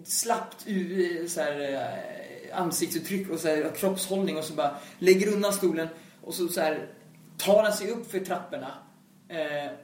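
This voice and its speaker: A person telling an animated anecdote in casual chat, acting out quotes and using lots of fillers and swear words. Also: medium pitch. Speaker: storyteller. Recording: roomy sound from a distant mic.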